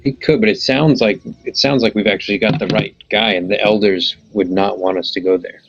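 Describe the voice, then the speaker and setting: Male game player, casual planning talk, low-pitched, dull lo-fi sound with music behind. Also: fairly even intonation, brisk.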